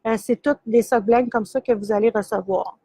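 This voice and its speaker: A slightly high, warm voice with a breathy edge belongs to a middle-aged Québécois yarn shop host casually presenting yarn and sock blanks live. Her intonation is fairly even, her pace moderate, and there's no echo as she chats with plenty of fillers and easy laughter.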